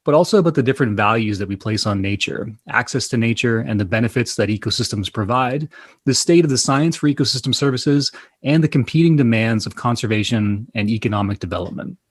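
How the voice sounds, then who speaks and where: A man hosts a science podcast in a mid-range voice, introducing the episode and asking measured, curious questions. The sound is dry and close, with no room around it. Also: medium pitch, lively intonation, dry recording. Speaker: podcast host. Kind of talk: podcast hosting.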